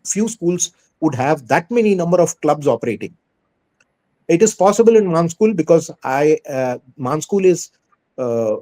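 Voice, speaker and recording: A man's voice: on the high side, warm tone, poor audio. A man with an Indian accent giving earnest, emphatic answers in a conversational interview as a school head, often repeating phrases for stress.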